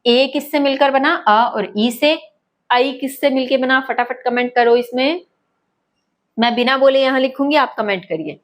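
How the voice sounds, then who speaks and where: A woman's voice: high voice, moderate pace. A woman teaching a lesson to schoolchildren, speaking patiently, repeating points and checking that they follow. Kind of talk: online lesson.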